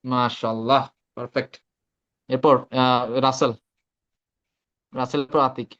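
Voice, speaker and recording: A man's voice: medium pitch, level tone, unhurried, a bit bright, lo-fi sound. A man teaching Arabic pronunciation in an online class, patient and often checking that students follow. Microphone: video call.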